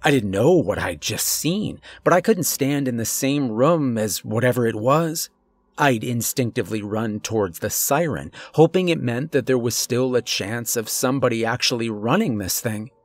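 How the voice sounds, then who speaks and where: A man reading a first-person horror story in a steady, measured way, pausing tensely between phrases. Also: mid-range voice, no room sound. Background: faint eerie music.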